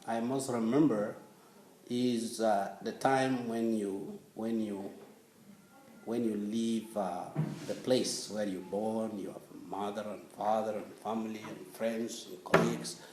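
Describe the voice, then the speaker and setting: A man speaking slowly and haltingly as he searches for words, giving a personal account in an interview. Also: lowish voice, level tone, warm tone. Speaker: interviewee, former refugee. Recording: echoey room with faint noise.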